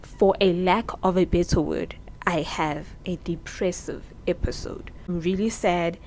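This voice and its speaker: A woman's voice: fairly low pitch, steady tone, a little slow, a little mellow, a little hiss or hum, poor audio. Candid young South African woman vlogging. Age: early 20s. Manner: candid, earnest, slangy. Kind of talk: sit-down advice vlog. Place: indoors, seated. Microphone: own microphone with popping.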